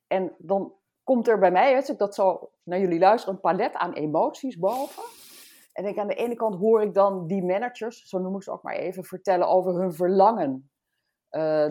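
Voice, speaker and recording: A woman's voice: lowish voice, moderate pace, warm tone. A woman talking from her own office, reflecting aloud and searching for her words in a discussion. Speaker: discussion guest. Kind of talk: casual discussion.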